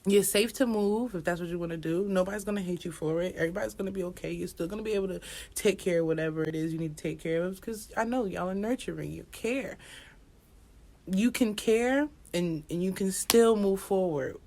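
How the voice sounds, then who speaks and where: A woman's voice: fairly low pitch, a little fast, mellow. Casual chatty woman oracle card reader. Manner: rambling and repetitive, speaks directly to viewers as y'all, casual swearing. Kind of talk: casual astrology reading to camera.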